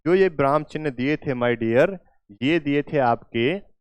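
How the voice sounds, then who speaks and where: A male teacher giving a lecture who repeats phrases slowly and keeps checking that students follow. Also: fairly high pitch, animated, clear, resonant tone, no room sound. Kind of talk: classroom lecture with examples. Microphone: recording while writing on a board.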